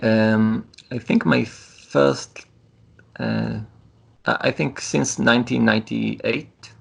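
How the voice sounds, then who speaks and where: A man answers slowly and thoughtfully, halting between his words. His voice is deeply gravelly and raspy, with a husky edge. He speaks at a middle pitch. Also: steady tone. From Israel. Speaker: guest.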